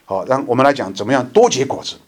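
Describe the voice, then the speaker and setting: A man preaching a conversational sermon to his congregation, slowing down to read scripture aloud. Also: medium pitch, lively intonation, slight background noise. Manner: conversational, reads scripture slowly and deliberately. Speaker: lay preacher.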